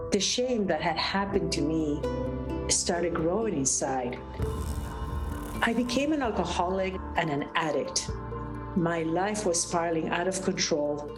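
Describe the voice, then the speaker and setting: A woman from Peru, a guest author and mountaineer, speaking earnestly in a talk show interview and pausing to find her words. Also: on the low side.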